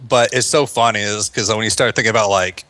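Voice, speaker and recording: A man's voice: lowish voice, fairly even intonation, fast, pushed and bright. A man from the United States, a veteran turned actor, talking earnestly and reflectively as a podcast guest, with many fillers like "like" and "you know". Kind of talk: casual interview talk.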